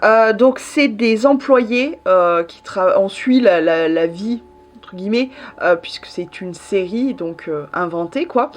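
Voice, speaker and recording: A woman's voice: medium pitch, expressive, takes it slowly. A woman vlogging casually to camera, chatty and loose, with many fillers and restarts as she recommends series. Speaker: YouTuber reviewing series.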